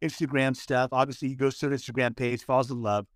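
A man's voice: medium pitch, fairly even intonation, quick pace, no echo. A man co-hosting a podcast who leads the conversation, hypes up his friend and often restarts his sentences. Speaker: podcast co-host. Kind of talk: casual chat, leading the story.

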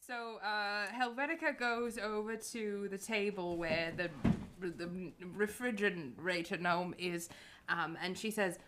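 A mid-pitched woman chatting casually at a tabletop game, quick to laugh between lines. A faint hiss of noise sits under her voice. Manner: giggly, casual. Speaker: player and podcast co-host.

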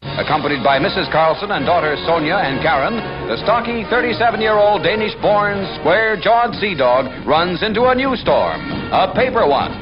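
A man with a notably high voice reads an old newsreel in a punchy, declaiming manner. The dated soundtrack is muffled, with music clearly playing beneath his voice. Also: lively intonation, moderate pace. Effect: old newsreel recording. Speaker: newsreel narrator. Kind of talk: brisk 1950s newsreel narration.

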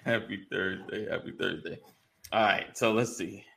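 Gravelly low-voiced man, morning radio DJ banter. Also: steady tone, normal speed, fairly bright tone. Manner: jokey morning radio DJ patter, greeting listeners by name; informal, colloquial phrasing. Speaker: host of a live online men's community show. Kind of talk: casual, bantering live-stream hosting.

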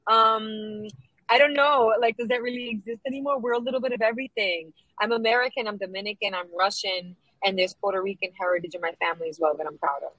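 A middle-aged woman comedian from New York, chatting in an interview, upbeat and lively, dropping Spanish phrases now and then. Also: medium pitch, quick pace, no room sound, poor audio. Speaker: guest, comedian and producer. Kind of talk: casual interview chat.

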